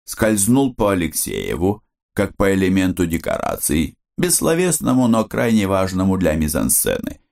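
A man narrates a literary audiobook, measured and expressive in his storytelling, with a low, creaky voice.

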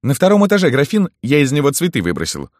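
A man's voice: fairly high pitch, wildly swooping pitch, fast talker, no room sound, clean studio sound, voice pushed up. A man reading a meek, dim male underling with a whiny manner in an audiobook. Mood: eager.

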